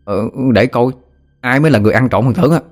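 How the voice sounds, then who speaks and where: A man's voice: medium pitch, fast talker, faint music behind, pitched above the performer's own voice, lightly acted. A man with a Southern Vietnamese accent voicing a young village boy who pouts, whines and boasts. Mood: boastful. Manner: pouting, whiny, cocky.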